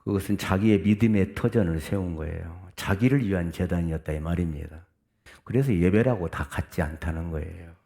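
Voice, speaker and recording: A middle-aged man preaching a Sunday sermon in a low voice. His tone is dark and mellow, and he swings from quiet, earnest explanation to sudden loud calls. Now and then he stops to read scripture aloud with the congregation. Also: fairly quick. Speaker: pastor.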